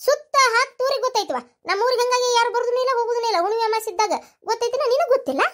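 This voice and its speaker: Cartoon role: nosy North Karnataka village woman, very high and squeaky, as a performer puts her on. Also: fairly bright tone. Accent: North Karnataka Kannada. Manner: nosy, pestering, quick to tease. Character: chatty village woman back from the city. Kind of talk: cartoon comedy voice acting.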